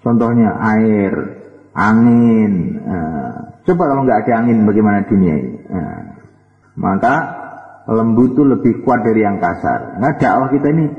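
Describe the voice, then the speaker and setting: A man giving a folksy Islamic sermon, asking his listeners rhetorical questions and chanting Arabic verse slowly. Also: fairly low pitch, sing-song. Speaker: preacher. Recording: echoey hall, dull lo-fi sound.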